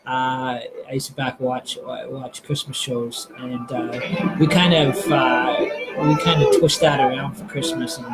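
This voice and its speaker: A man's voice: mid-range voice, level tone, unhurried, over loud music, low-quality recording. A man hosting a live stream, chatting casually and hesitantly, with many fillers and restarts. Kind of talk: casual rambling chat.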